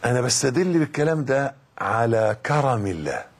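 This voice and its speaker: A middle-aged man with an Egyptian Arabic accent giving a religious lesson as a preacher, emphatic and dramatic, dropping to a hush and then rising loud. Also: mid-range voice, very animated, fairly quick, a little hiss or hum. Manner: emphatic, dramatic swings between hushed and loud.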